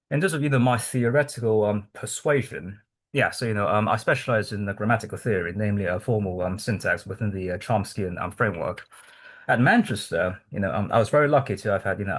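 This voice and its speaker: A native Cantonese speaker from Hong Kong presents academic work to a research group. His voice is on the low side, and he halts often, filling gaps with ums and restarting sentences.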